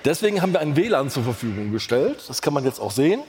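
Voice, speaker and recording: A man from Lower Saxony co-hosting a live podcast on stage, dry and playful as he runs the show. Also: very animated, quick pace, darkish tone. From Lower Saxony, Germany. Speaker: podcast co-host. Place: large concert hall before an audience. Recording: hall reverb with faint noise.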